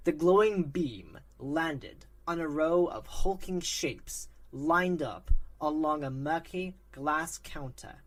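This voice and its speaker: A narrator reading a spooky story aloud with a steady, even delivery. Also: mid-range voice, takes it slowly, few pauses.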